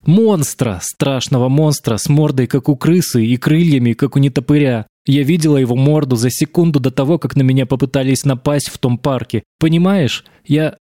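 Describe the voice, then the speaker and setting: A man's voice: medium pitch, moderate pace, hardly any pauses, dark tone, dry recording, studio quality, pitched above the performer's own voice, lightly acted. A man voicing a distraught young woman whose voice keeps breaking with held-back tears, raised well above his own. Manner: breaking, tearful pleading.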